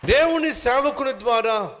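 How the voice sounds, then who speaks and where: A man's voice: very high-pitched, animated, unhurried, fairly bright tone. A male pastor preaching a sermon, with emphatic repetition and direct questions to the listeners.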